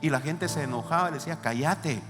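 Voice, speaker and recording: A man's voice: mid-range voice, animated, moderate pace. A man preaching a Sunday sermon as pastor, speaking fervently and directly to his congregation. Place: church. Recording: echoey church hall with music behind.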